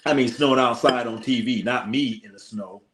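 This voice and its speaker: With some background noise behind him, an American guy delivers loose, opinionated live sports commentary on a stream. He speaks a little quickly in a mid-range voice, using slang, giving frank takes, and hammering points home by repeating himself.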